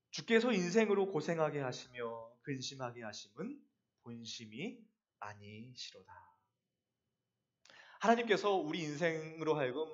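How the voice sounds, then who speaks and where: A male pastor delivering a sermon in a fairly high voice that rises and falls with great animation. He swings from ringing declarations down to soft, confiding lines. The audio is dull and lo-fi. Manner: animated preaching, rising and falling, voicing God's words in a soft intimate tone.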